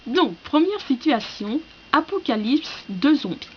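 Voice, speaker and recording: A woman's voice: high voice, sing-song, a little slow. Hesitant French-speaking woman book vlogger. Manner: hesitant, many fillers, reads parts from notes. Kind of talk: casual book vlog. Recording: slightly dull lo-fi sound with faint hiss.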